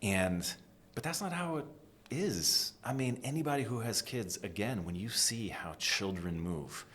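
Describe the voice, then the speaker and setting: A middle-aged American man from New England, a design executive giving an animated interview and dropping to a whisper for emphasis. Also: fairly low pitch, unhurried. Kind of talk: conversational interview.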